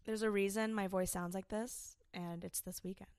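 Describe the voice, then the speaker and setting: A woman's voice: medium pitch, fairly even intonation, normal speed, darkish tone, dry recording, studio quality. A young adult woman co-hosting a podcast, talking casually and laid-back, with some swearing. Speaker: podcast co-host. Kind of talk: casual chat.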